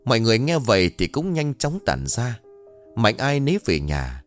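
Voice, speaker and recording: Expressive male storyteller. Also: mid-range voice, moderate pace, soft background music. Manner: dramatic, expressive. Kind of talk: scripted story narration.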